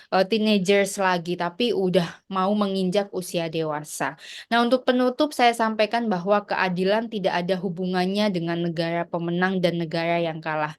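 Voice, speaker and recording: A woman's voice: mid-range voice, smooth. A woman lecturer giving an online class over a video call, encouraging her students and mixing in English phrases between fillers. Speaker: university lecturer.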